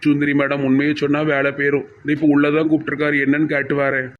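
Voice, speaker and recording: A man's voice: on the high side, monotone, quick pace, narrow, tinny audio, slight background noise. A man with a Tirunelveli Tamil accent, voicing the male characters of a village comedy cartoon in a weary tone. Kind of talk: animated village comedy dialogue.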